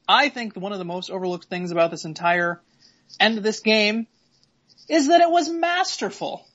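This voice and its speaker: A man hosting a casual sports podcast, recapping plays in quick, wry detail. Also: high voice, a bit bright, no echo, dull audio. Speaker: podcast host.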